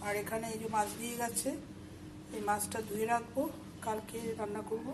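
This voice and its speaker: A woman's voice: on the high side, flat delivery, fairly quick, noisy background. Homely woman chatting while cooking. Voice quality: chatty, homely, explains each step. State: sore throat. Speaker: vlogger. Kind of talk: casual cooking vlog narration. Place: home kitchen.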